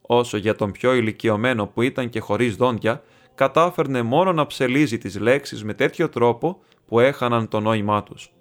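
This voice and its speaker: A man narrating a classic short story in a calm, even reading voice, with faint music behind. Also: medium pitch. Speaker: audiobook narrator.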